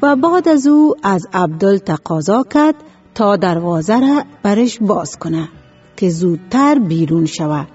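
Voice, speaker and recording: A woman narrating a folk tale in a steady read-aloud manner. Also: mid-range voice, slightly rough, highs cut off, soft background music. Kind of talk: storytelling narration.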